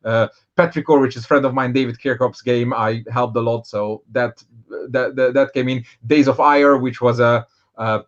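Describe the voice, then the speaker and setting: A man from Hungary, a board game designer telling his story in a casual interview, rambling with lots of fillers and restarts. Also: mid-range voice. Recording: dull, lo-fi sound.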